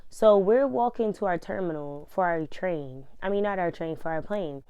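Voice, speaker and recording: A young woman telling a story in a casual vlog, blunt and profane, animated as she goes. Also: fairly low pitch, normal speed, clean tone, no room sound.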